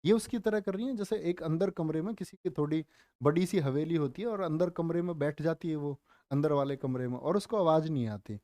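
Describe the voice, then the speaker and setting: A man teaching a live online general knowledge class, speaking slowly and deliberately, repeating facts and quizzing his viewers, with joking asides. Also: fairly high pitch, warm tone, no room sound, studio quality. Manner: calls viewers "dear children", joking asides. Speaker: online exam-prep teacher.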